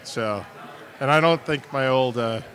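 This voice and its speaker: A man's voice: medium pitch, a little slow, a bit bright. A middle-aged man co-hosting a beer show in a studio, cracking self-deprecating jokes and laughing often. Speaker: co-host, sales and marketing. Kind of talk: casual comedic chat.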